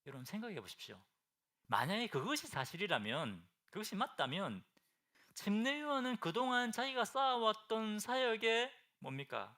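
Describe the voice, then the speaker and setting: A high, bright-toned man preaches in a church with lively, rising and falling inflection. He keeps asking his congregation questions and swings between loud bursts and soft, hushed lines. The sound is of a pastor mid-sermon. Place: church sanctuary.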